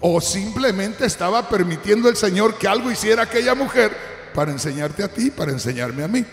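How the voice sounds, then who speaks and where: A man delivers a sermon in a high, raspy voice with wide, lively swings in pitch. He speaks straight to his listeners and rises to shouts at the peaks. The voice carries through an echoey hall with soft music behind it. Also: fairly quick. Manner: animated preaching, shouting at peaks, addressing the congregation directly. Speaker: pastor.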